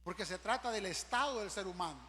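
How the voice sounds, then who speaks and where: A male pastor preaching an emphatic evangelical sermon, swinging between loud swells and low asides to the congregation. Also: quick pace. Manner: addresses the congregation often as brother. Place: church sanctuary. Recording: reverberant church hall, faint hum.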